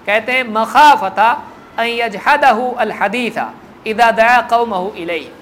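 A preacher delivers a hadith lesson at a mid-range pitch. Slow, measured Arabic recitation gives way to lively colloquial explanation, with the story's exchanges acted out. A faint hiss of noise sits under the voice. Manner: acts out the dialogue of the story. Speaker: Islamic preacher.

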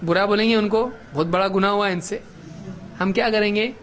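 A man's voice: high voice, fairly even intonation, a bit bright. A middle-aged man giving a religious lesson to a class, asking questions and answering them himself. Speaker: religious teacher. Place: classroom with students.

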